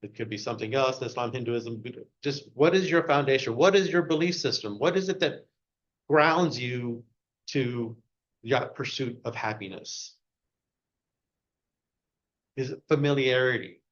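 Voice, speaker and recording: A man's voice: medium pitch, normal speed, pauses often, muffled recording. Man giving a short club speech. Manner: asks the audience one question after another; grows loud and excited. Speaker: club speaker.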